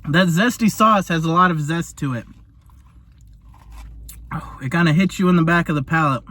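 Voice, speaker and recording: Young male food vlogger, high-pitched, excitable and slangy, chatting between bites. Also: normal speed. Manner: talks while eating. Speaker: food reviewer. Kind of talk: casual taste-test vlog.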